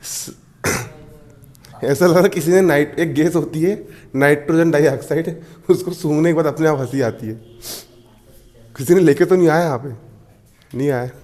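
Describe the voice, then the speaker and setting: A man's voice: fairly high pitch, normal speed, pauses often, darkish tone, big-room sound. A man teaching a class in a chatty, laughing way, often asking his students if they follow. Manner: chatty, laughs often, repeats "theek hai". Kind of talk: classroom lecture.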